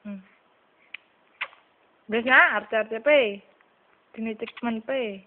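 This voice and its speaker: A woman's voice: fairly high pitch, takes it slowly, phone-quality sound. A woman filming her baby nephew in a casual home video, teasing and coaxing him playfully.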